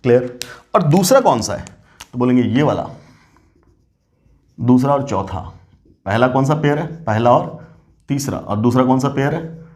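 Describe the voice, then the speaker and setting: A man's voice: medium pitch, animated, measured pace, long pauses, darkish tone. A man gives a chemistry lesson at a board. He keeps asking his students questions and then answering them himself. He calls them "beta" and slips English phrases into the lecture. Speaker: chemistry teacher.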